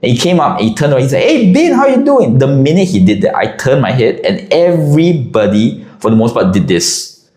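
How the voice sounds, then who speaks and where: A man casually telling an anecdote in an expressive, animated way. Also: mid-range voice, a little fast. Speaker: storyteller. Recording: echoey room.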